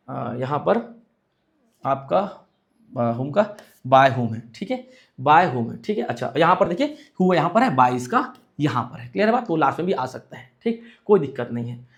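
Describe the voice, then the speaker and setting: A man teaching English for exams in Hindi. He reads the English sentences slowly and asks questions that he answers himself. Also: a little high. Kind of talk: exam-prep lesson.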